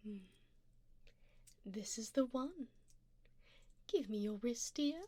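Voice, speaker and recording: In an ASMR roleplay, a woman plays a rich, doting vampire sugar mommy, speaking slowly in a genteel, formal, seductive manner. Her slightly high, animated voice is soft and breathy, often sinking into a whisper close to a binaural mic.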